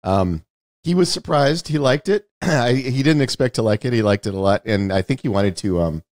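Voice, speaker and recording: A middle-aged American screenwriter and author hosts a casual podcast, rambling in a dry, casually sweary way. His medium-pitched, slightly mellow voice has lively intonation and a moderate pace, with no room sound.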